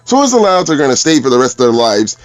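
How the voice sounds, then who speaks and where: A man's voice: medium pitch, very animated, quick pace. A man giving casual, sarcastic and profane commentary as a movie reviewer.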